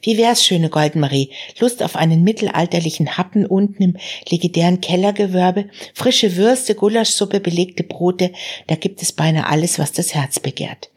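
A woman's voice: lowish voice, normal speed, darkish tone, breathy edge. A woman voicing a cheerful, slightly tipsy young man who talks in a jovial, easygoing way.

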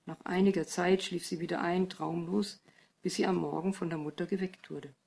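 A woman narrating a novel in calm, even scripted storytelling. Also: lowish voice, normal speed, vocal fry, breathy edge. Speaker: audiobook narrator.

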